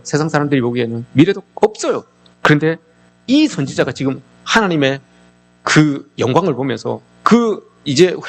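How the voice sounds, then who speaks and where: A middle-aged man preaching a sermon as pastor, impassioned, often calling out to the congregation and voicing a prophet's lament with emotion. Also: on the high side. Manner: voices the prophet's lament in emotional rising tones.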